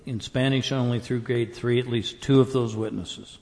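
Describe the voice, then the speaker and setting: Deliberate man pressing his point in a reverberant hall. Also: medium pitch, fairly even intonation, darkish tone. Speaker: state board member. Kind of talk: board meeting debate. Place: meeting room.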